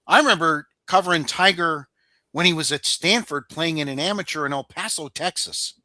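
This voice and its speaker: A man with a bright, forceful voice in a dry, close recording, hosting a sports talk show. He recaps events conversationally, stopping on an "um" or "uh" now and then, a bit higher pitched than most men. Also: normal speed, no echo.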